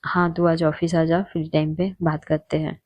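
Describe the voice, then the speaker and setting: A woman storyteller voicing a fierce, hot-tempered young woman who turns soft and tender with the one she loves. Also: deep voice, flat delivery, normal speed, no room sound, dull audio, close to an everyday voice. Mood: low, plotting. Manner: angry outbursts, soft and tender with her partner.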